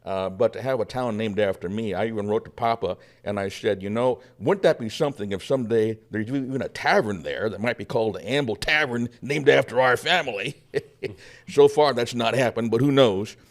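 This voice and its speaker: A man's voice: medium pitch, normal speed, natural voice. A man playing a humble, cheerful Norwegian immigrant pastor from the 1800s, telling his life story folksily in the first person with plenty of fillers. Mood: amused recounting. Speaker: guest, historical reenactor. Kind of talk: first-person historical character portrayal.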